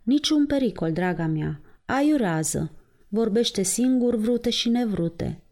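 A woman voicing a gloomy, soft-hearted hulking innkeeper who speaks sadly and sullenly in an audiobook reading. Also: on the high side, animated, pitched above the performer's own voice. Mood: pitying. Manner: sad, sullen, sighing.

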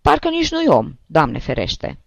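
A man's voice: a little high, wildly swooping pitch, creaky, no echo, full character voice. A man doing an old chiding village priest. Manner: gently scolding, sighing, folksy.

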